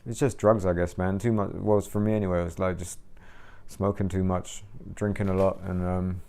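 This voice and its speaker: Low gravelly man, musing. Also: flat delivery, darkish tone. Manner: musing, halting, says "man" and "you know". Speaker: former band member. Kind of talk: reflective casual chat.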